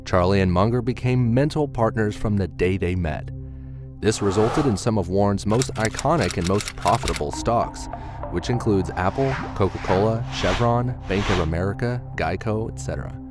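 A man narrates a documentary in a measured, explanatory way, his voice sitting on the low side. Background music plays clearly under him. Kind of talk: scripted narration.

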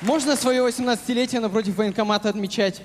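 A man playing a brisk statistics clerk in stage comedy, listing things matter-of-factly. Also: sits high, fairly even intonation, heavy background noise, lightly acted. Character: brisk male statistics clerk offering options. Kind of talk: live sketch comedy. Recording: echoing hall, music and crowd.

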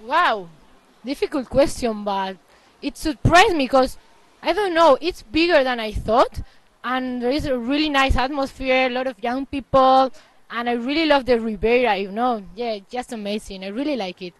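A young woman from the Basque Country chats through her answers in a high, light voice. She sounds relaxed and lets her sentences trail off. The sound is close and dry from a handheld mic. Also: moderate pace, no room sound, rough recording. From Basque Country, Spain. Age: young adult. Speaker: staff member interviewed. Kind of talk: casual interview answers. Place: indoor hostel reception.

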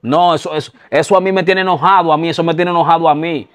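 A man playing a quick-tempered husband who gets worked up and keeps repeating himself. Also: fairly high pitch, fairly even intonation, lightly acted. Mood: agitated. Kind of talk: amateur drama acting.

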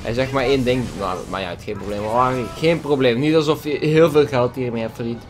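A man's voice: mid-range voice, quick pace, music in the background. A man giving casual let's play commentary, chatty and jokey, teasing the game's characters. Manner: jokey, chatty, mocking the game. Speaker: gaming YouTuber.

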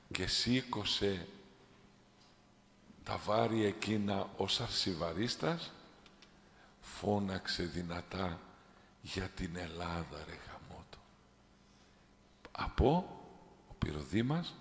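Priest guy preaching, low voice, goes quiet then loud, big echoey church w long reverb. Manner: impassioned, swings from hushed to shouting. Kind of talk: sermon.

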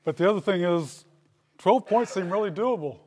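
A man's voice: sits high, lively intonation, moderate pace, darkish tone, slight background noise. A man near seventy giving a hall of fame acceptance speech at a podium in a school hall, telling old stories with dry humor. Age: 60s. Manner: folksy storytelling with dry humor. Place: school hall with brick walls. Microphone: podium microphone.

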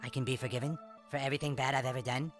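A man's voice: medium pitch, steady tone, rapid-fire, faint music behind, lightly acted. A man voicing a bratty, scheming, self-important fat boy in a cartoon, with a nasal, whiny, bossy way of talking. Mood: sheepish. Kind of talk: cartoon voice acting.

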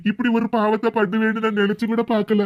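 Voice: mid-range voice, completely flat delivery, lo-fi sound, slight background noise, lightly acted. A voice actor playing a remorseful older village husband in a cartoon, with a Kanyakumari Tamil accent, speaking heavily and reluctantly. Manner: heavy, guilt-laden, slow to explain. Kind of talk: cartoon voice acting.

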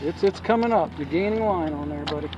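A man filming from his kayak on the open ocean, calmly coaching a friend through a long fight with a fish and calling him buddy. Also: fairly high pitch, quick pace, noisy background. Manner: calm, coaxing, repeats "buddy". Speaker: fishing guide and channel host. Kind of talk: encouraging coaching while filming.

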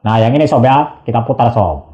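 A man's voice: mid-range voice, expressive, a little fast, warm tone, reverberant, dull audio. A man narrating a casual tech tutorial, chatty and slangy, constantly addressing viewers.

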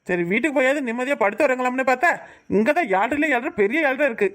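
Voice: mid-range voice, fairly bright tone, lightly acted. A performer with a Tirunelveli Tamil accent voicing an irritable young husband who grumbles and scolds his wife in a cartoon. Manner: nagging, complaining rants. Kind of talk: cartoon voice acting.

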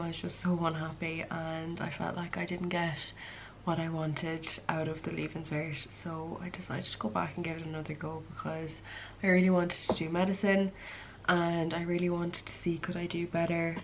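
Young west of Ireland woman, fairly flat intonation. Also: on the low side, normal speed, a little hiss or hum, rough recording. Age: early 20s. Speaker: content creator. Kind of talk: casual chat to camera, Q and A vlog.

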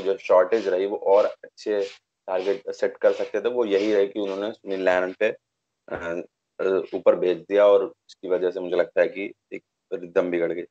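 A young man with a deep, warm voice hosts a cricket discussion over a video call, conversational but hesitating and searching for words. He's indoors in a small room, and the video call audio sounds dull and lo-fi.

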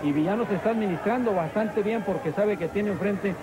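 Man, high voice, Mexican accent, wrestling commentator, live match analysis, noisy recording. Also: brisk.

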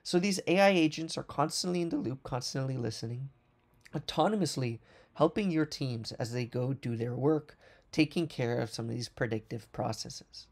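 In a voice-over for a screen-recorded product demo, a man explains things in a fluent, fast corporate style, occasionally restarting. His voice is medium-pitched, creaky and a little mellow.

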